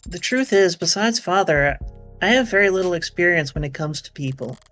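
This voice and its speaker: Gentle earnest android girl. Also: on the low side, expressive, a little fast, faint music behind. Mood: candid. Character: polite naive female android companion.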